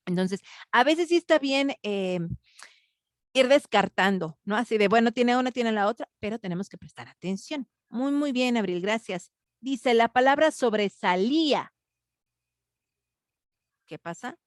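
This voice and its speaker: A woman teacher with a Mexican Spanish accent walks her class through grammar points, pausing on fillers and checking in with questions. Her voice is recorded dry and close, with little room sound. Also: mid-range voice, no room sound. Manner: patient, asks students questions, thinks aloud with fillers. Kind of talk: online class explaining grammar.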